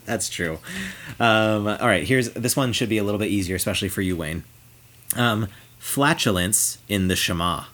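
A man's voice: fairly low pitch, moderate pace, a bit bright. A man hosting a casual podcast, running a playful pun quiz for his co-hosts. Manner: playful, quiz-master delivery. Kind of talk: casual chat.

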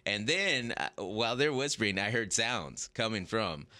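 Male podcast host, casual storyteller, lively pitch, bright tone, laughs a lot. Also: normal speed. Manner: animated, laughs often, acts out whispers.

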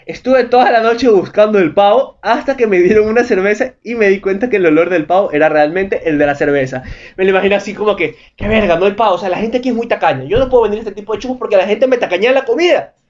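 A man reads out viewer anecdotes and riffs on them with crude, excitable slang. His voice sits high. The recording is dull and lo-fi, like a home vlog. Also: fast talker. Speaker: host reading viewer anecdotes. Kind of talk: comedic commentary vlog.

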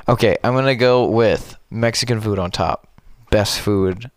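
A man's voice: fairly low pitch, measured pace, no echo, studio quality. A man co-hosting a podcast in a casual, playful chat, talkative and given to silly sounds. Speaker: podcast co-host.

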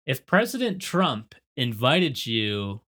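Bright-voiced man with vocal fry. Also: medium pitch, big pitch swings, slow. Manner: loose, slangy. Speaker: podcast co-host. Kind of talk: casual podcast chat.

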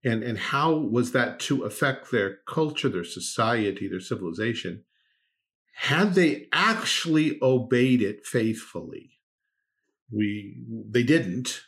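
A man's voice: mid-range voice, animated, slow, a bit bright. A man co-hosting a podcast in casual discussion, with dry sarcasm, frequent laughter and sentence restarts. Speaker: podcast co-host.

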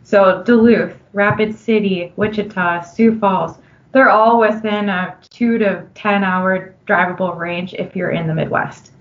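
A woman with a Minnesotan accent talks as a guest in a relaxed interview, friendly and upbeat. Her voice sits at an everyday middle pitch. The sound is dull and lo-fi. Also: unhurried. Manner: friendly, upbeat, laughs easily. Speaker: customer analyst guest. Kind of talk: casual conversational interview.

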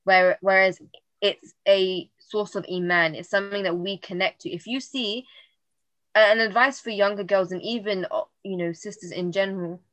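A woman's voice: medium pitch, fairly bright tone, no room sound, low-quality recording. A woman co-hosting a podcast, talking earnestly in long reflective monologues in casual chat. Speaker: podcast co-host.

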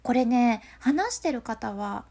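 Hakata-accent woman, kinda high voice, chatty playful voice tips, laughs a lot. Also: slow. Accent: Hakata dialect. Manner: playful, animated, laughs often. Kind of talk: casual explanatory talk.

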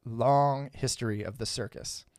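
A man's voice: medium pitch, fairly even intonation, unhurried, a little mellow, dry recording, studio quality. Laid-back man chatting on a podcast. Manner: laid-back, laughs often, swears casually. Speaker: podcast co-host. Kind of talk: casual podcast chat.

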